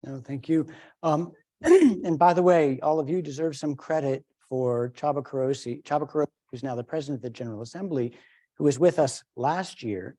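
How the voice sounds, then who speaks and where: A man's voice: a little high, animated, dark tone. A man moderating a conference panel, speaking fluently and handing the floor to each speaker. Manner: fluent, brisk, hands over to speakers.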